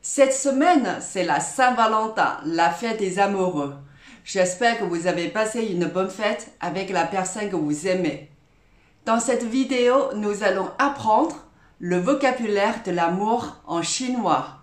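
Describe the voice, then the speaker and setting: A woman giving an online language lesson, pronouncing each word slowly and carefully and repeating it. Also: medium pitch, expressive. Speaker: Chinese teacher. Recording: roomy echo.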